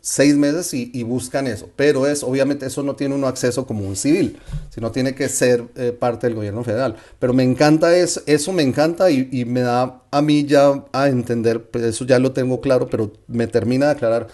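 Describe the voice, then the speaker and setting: A man's voice: medium pitch, steady tone, a little fast, warm tone. A man with a Colombian accent who hosts a casual interview in a chatty way and adds his own thoughts. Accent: Colombian Spanish. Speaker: podcast host.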